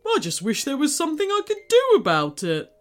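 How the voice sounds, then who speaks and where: A woman's voice: high-pitched, huge pitch swings, fairly quick, soft background music, pitched above the performer's own voice. Woman voicing a grumbling old volcano. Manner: grumbling, miserable, sighing. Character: huge grumpy old volcano with a stomachache.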